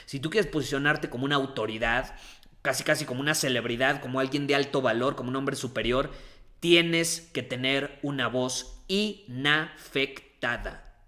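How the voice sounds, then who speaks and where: A man's voice: medium pitch, sharp tone. A young man giving a motivational talk on confidence, stressing and repeating his key points. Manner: emphatic, repeats key phrases, slows down on points. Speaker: coach giving dating and confidence advice.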